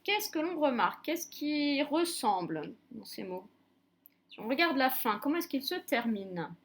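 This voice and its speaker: A woman's voice: high voice, big pitch swings, unhurried, slight background noise. A woman teacher giving a recorded reading lesson to young children, patiently spelling out letters one by one. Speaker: primary school teacher.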